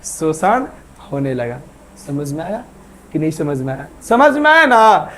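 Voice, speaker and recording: A man's voice: on the high side, very animated, a little slow, a bit bright. A man teaching an online exam-prep history lesson, who keeps asking questions and answering them himself. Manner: asks viewers to like and subscribe.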